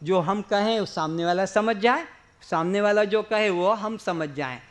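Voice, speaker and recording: A man giving a spiritual discourse to a seated audience, explaining slowly and asking them questions. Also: sits high. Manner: leads slow drawn-out chanting. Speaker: spiritual teacher.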